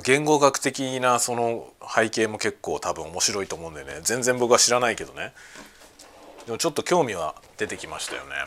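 A man hosting a casual podcast chat, talking excitedly at home while he cooks and eats lunch. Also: medium pitch, a little hiss or hum. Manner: excited, talkative. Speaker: podcast host. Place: at home, cooking and eating lunch.

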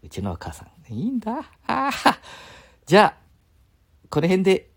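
A man's voice: high-pitched, wildly swooping pitch, normal speed, husky. A man in his seventies with a Mikawa dialect, chatting casually and rambling on a live stream from his home, often chuckling. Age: 70s. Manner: rambling, chuckling, talks to himself.

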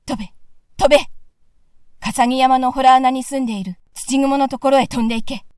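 A woman's voice: mid-range voice, moderate pace, darkish tone, no echo, studio quality, recorded from a distance, natural voice. A woman playing a young storybook hero, brave, commanding, bold orders.

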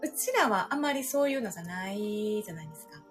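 A woman with a Kansai accent co-hosting a casual chat, animated and chatty. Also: medium pitch, fast talker, faint music behind. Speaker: co-host.

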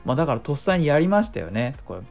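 A man's voice: medium pitch, sing-song, quick pace, creaky, darkish tone, faint music behind. A middle-aged man hosting a casual solo talk show, chatty and self-explaining, giving speaking tips and dropping in little sound imitations. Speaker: podcast host.

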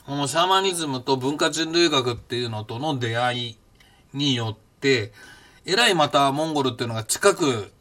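An older Japanese man hosts a podcast and recounts his past in a reflective, rambling monologue full of fillers and restarts. His medium-pitched voice is animated and fairly bright, delivered at a moderate pace.

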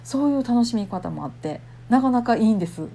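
A woman's voice: fairly high pitch, expressive, a little fast, gravelly, warm tone, a little hiss or hum. A woman with a Kansai accent, a temple wife who talks casually and chattily to her listeners and laughs often. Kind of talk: casual monologue.

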